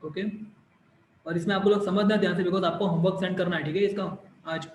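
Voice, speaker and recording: High-voiced teacher quizzing his class. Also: fairly even intonation, fairly quick, echoey room, slight background noise, rough recording. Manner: repeats questions and answers them himself, mixing in English. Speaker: chemistry teacher. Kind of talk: online class lecture. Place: online class from a room.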